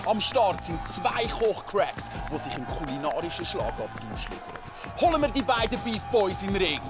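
A man hosting as a boxing ring announcer, a showman with drawn-out introductions. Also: high voice, big pitch swings. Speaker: host and ring announcer of a cooking contest. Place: industrial hall with studio audience. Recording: loud music behind the voice.

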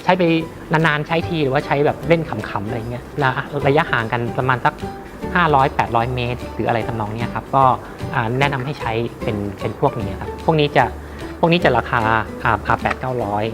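A man giving an informal product demonstration as a seller, haltingly, with many repeats and hesitations. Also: medium pitch, music in the background. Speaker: radio equipment seller.

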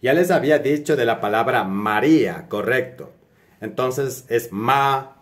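A man's voice: mid-range voice, animated, normal speed. A man from Ecuador, a spelling teacher, explaining grammar rules step by step in a video tutorial and checking in with the viewer as he goes.

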